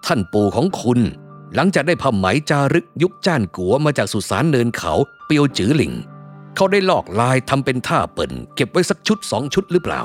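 A man voicing a sly old man with a gold tooth, wheedling and smooth-talking. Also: medium pitch, big pitch swings, brisk, faint music behind, natural voice. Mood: probing.

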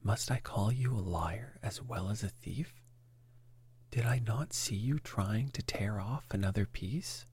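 An older gentleman father, furious and accusing, as a man whispers him. The voice is a very breathy, low whisper, slow even in rage. It stays whispered role-play throughout.

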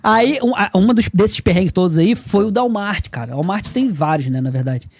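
A man's voice: sits high, lively intonation, a little fast, slight background noise. A young man from Rio telling funny travel stories in casual chat, swearing freely and laughing as he goes. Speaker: podcast guest.

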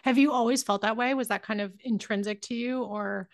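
A woman's voice: fairly high pitch, steady tone, a little fast, vocal fry, dry recording, studio quality. A woman hosting a podcast, asking rambling, enthusiastic questions and going off on tangents in casual conversation. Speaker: podcast host.

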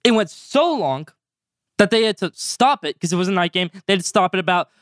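Teen guy doing his sports podcast solo, high voice, talks quick and hyped, dry sound. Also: no echo. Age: teens. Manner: energetic, stretches out segment names with excitement. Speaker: podcast host.

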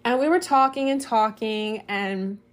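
A woman hosting a solo podcast as a life coach, talking in an earnest, heartfelt, chatty way and sometimes reading her own writing slowly and with feeling. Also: on the high side. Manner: chatty, friendly storytelling.

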